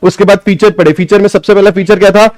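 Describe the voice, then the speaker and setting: A man teaching a live online law class, talking loudly, mixing Hindi with legal lines and firing quick questions that he answers himself. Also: high-pitched, steady tone, rough recording. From India. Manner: loud, quizzes students and answers himself; mixes Hindi with read-out English lines.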